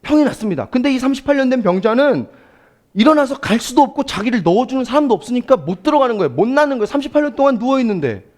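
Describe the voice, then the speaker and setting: A male pastor preaching a Sunday sermon to a congregation with a sore throat, emphatic and swinging between soft asides and loud cries, often asking his listeners questions. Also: very high-pitched, very animated, very fast. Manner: asks the congregation questions and leads group reading. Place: church service before a congregation.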